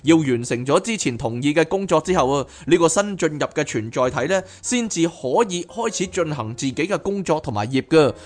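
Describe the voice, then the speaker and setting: A man reads a book aloud as podcast host and breaks off into animated, chatty asides. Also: on the high side, a little fast, few pauses. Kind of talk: reading a book aloud with commentary.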